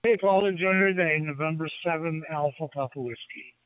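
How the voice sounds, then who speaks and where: A man from the United States speaking as an amateur radio operator over two-way radio, making unhurried procedural calls and spelling in phonetic alphabet. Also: on the high side, no echo. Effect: two-way radio, walkie-talkie sound. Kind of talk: ham radio contact, unhurried procedural call. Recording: narrow phone-like radio audio, distant.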